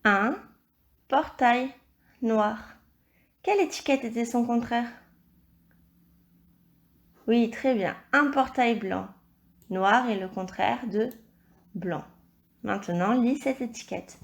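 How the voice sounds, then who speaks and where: A woman teacher giving a recorded reading and dictation lesson to young children, speaking slowly and clearly and encouraging the child directly. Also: a little high. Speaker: primary school teacher.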